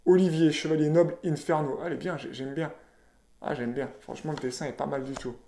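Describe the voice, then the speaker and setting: A man's voice: fairly high pitch, fairly even intonation, quick pace, mellow, a little hiss or hum. A man chatting casually as he opens trading card packs, reading card names aloud with lots of "voilà" and "ok". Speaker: card-opening video host. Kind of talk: casual unboxing commentary. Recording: roomy echoey room.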